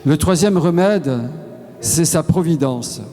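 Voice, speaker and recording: A man delivers a solemn sermon at a very unhurried pace, leaving pauses between short phrases. His voice sits a little high but sounds dark and mellow. A long reverb trails after his words, with faint music underneath. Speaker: preacher.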